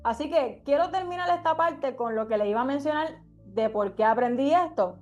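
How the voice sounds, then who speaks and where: High-voiced young woman giving heartfelt testimony. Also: lively intonation, a little fast, darkish tone, muffled recording, faint music behind. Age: young adult. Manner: heartfelt storytelling with repeated rhetorical questions. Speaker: Bible study leader. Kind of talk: emotional testimony sermon.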